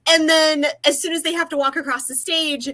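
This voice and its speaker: A woman's voice: high voice, fairly even intonation, brisk, pushed and bright. A young woman co-hosting a live cosplay talk show, rambling a bit with many fillers as she asks questions. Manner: rambling, lots of likes and restarts. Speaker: podcast co-host. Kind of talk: casual live-stream chat.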